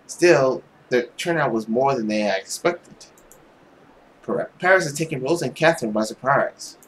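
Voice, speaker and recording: A young adult man, a video game player and narrator, reads visual novel text aloud expressively and adds his own commentary. His voice is medium-pitched, and the rough recording, made in a small room at home, has slight background noise along with game music.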